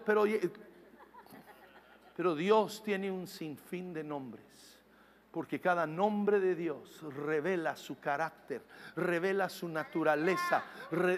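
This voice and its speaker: A pastor, preaching a sermon in Spanish, speaking directly to his congregation and building up to passionate shouting. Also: high voice, slight background noise. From United States.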